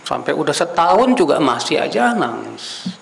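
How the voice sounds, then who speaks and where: A man's voice: a little high, sing-song, normal speed, vocal fry. A man giving a conversational Islamic lecture who asks the audience rhetorical questions, addresses them directly as sir and brother, and recites Arabic phrases before translating them. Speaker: Islamic preacher. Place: Islamic study gathering.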